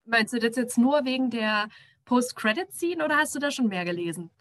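A woman co-hosting a podcast, giving a measured, thoughtful series review in casual chat. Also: fairly high pitch, a bit bright. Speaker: podcast co-host.

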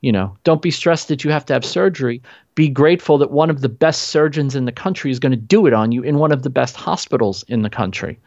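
A man's voice: mid-range voice, expressive, fast, a little mellow, dry recording, dull audio. A man talking in an earnest, motivational way in a casual podcast conversation, driving points home with repetition. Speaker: podcast guest.

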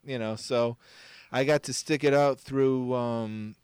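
New guy, clear voice, dry studio sound, bantering about sports and poking fun at himself. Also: mid-range voice, steady tone, takes it slowly, darkish tone, dry recording. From Queens, New York. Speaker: sports show co-host.

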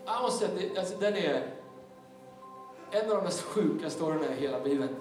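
Fervent high-voiced man preaching in a hall. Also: animated, a little mellow. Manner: fervent, urging listeners directly. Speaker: pastor. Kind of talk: sermon. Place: large church hall. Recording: echoey hall, mic far off. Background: worship music.

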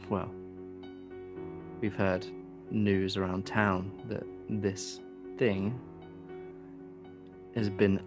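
A man voicing a scarred knight captain who speaks slowly and calmly, with quiet menace. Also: lowish voice. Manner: slow, measured, quietly threatening.

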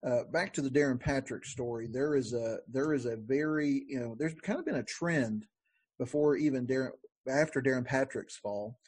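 A man hosting a podcast in a relaxed, conversational way, with frequent fillers and restarts. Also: medium pitch, moderate pace, slightly rough, dry recording. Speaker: podcast host. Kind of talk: casual podcast talk.

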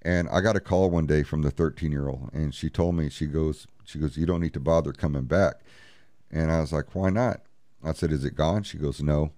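A man with a bass voice, mellow yet brisk, tells an interview story as a paranormal investigator. He's blunt and swears, acting out each scene with "he goes" and "I said," and the audio has no room sound.

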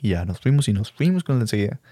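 A man's voice: lowish voice, very fast, no room sound, studio quality. A young man with a Mexican Spanish accent casually telling a personal story, acting out the people he quotes. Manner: lively storyteller who acts out quoted people and laughs.

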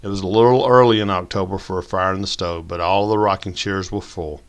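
A man narrating an audiobook in a folksy, measured way. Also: low voice, fairly even intonation.

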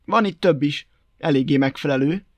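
A man voicing a sly, calm old toad who talks in a chatty, teasing and mock-innocent way in a storybook tale. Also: a little high, no room sound, natural voice.

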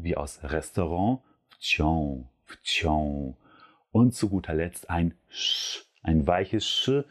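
A man teaching vocabulary in a podcast language lesson, speaking slowly and carefully and repeating each word for pronunciation. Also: low voice, a little mellow.

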